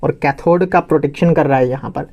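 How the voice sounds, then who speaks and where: A man's voice: on the high side, steady tone, brisk, darkish tone, muffled recording. A male teacher explaining a science lesson for exam prep in a playful, teasing way, joking with his students.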